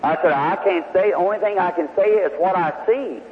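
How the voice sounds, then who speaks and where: A man's voice: high voice, fairly quick. A man preaching to a congregation, telling a healing story in a folksy, homespun way. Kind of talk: sermon testimony storytelling. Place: large hall before a congregation. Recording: tinny old hall recording with faint hiss.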